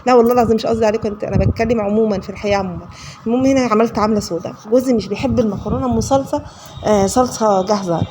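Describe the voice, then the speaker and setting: A woman with an Egyptian accent rattles off a rambling home-cooking vlog at a very fast clip. She is self-deprecating and keeps breaking into short prayers. Household noise hums clearly behind her. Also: a little high. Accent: Egyptian Arabic. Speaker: vlogger, housewife. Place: home kitchen.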